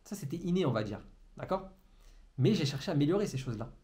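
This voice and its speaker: A man, an entrepreneurship trainer, giving a motivational talk to a camera in a room, talking very fast and stumbling and repeating words as he goes. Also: fairly high pitch, very animated, warm tone. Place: room, indoors. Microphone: camera in front of him.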